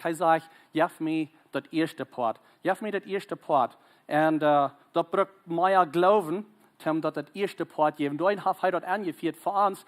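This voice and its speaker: A man with a Plautdietsch accent preaching a sermon, earnest and urging, often pausing and restarting mid-sentence. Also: a little high. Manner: halting, frequent hesitations and restarts.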